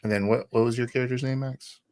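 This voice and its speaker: A man's voice: medium pitch, fairly even intonation, fast talker, a little mellow, no echo. A man chatting casually and joking around while making characters for a tabletop game.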